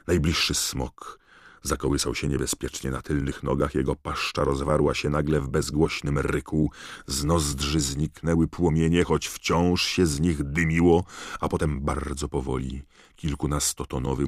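A man's voice: a bass voice, no echo, clean studio sound. A man reading an audiobook aloud, with dramatic, varied delivery. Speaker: audiobook narrator. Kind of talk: scripted narration.

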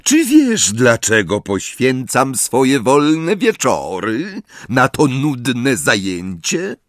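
A man reading an audiobook, voicing a cold, menacing male professor who speaks quietly and slowly. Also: mid-range voice, huge pitch swings, no room sound, studio quality, voice pushed up, full character voice. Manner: quiet, slow, threatening, sneering.

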